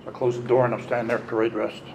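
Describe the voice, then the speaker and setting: A man's voice: mid-range voice, very fast, vocal fry. A middle-aged man speaks candidly about his past at a recovery meeting, switching into the voices of the people in his story. The room is echoey, and a faint hiss sits under his voice. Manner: candid, animated, acts out quotes. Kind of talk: personal storytelling.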